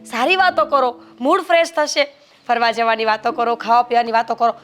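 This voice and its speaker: A high-voiced, sharp-tongued young wife with a Gujarati accent, quick to sulk and scold, as an actress plays her. She talks in a complaining, lecturing way. Soft film music plays underneath. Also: fairly even intonation, lightly acted. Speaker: young wife in a family drama. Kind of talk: Gujarati family drama acting.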